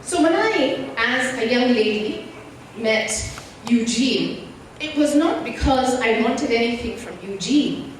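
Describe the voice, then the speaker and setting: A woman with a fairly high voice, lively intonation, and a slow pace gives a motivational talk to young people in a church, telling stories and addressing listeners directly. Born in Nairobi, Kenya and partly raised abroad, she serves as a guest speaker and mentor. The large indoor space, heard through a distant mic, sounds very echoey with faint noise.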